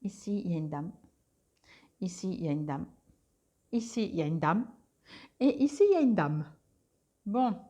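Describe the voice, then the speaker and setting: A woman's voice: lowish voice, animated, normal speed, long pauses, dark tone. A woman doing a casual monthly card reading on a clip-on mic, hesitant, with many fillers and restarts. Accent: Swiss French. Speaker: tarot card reader.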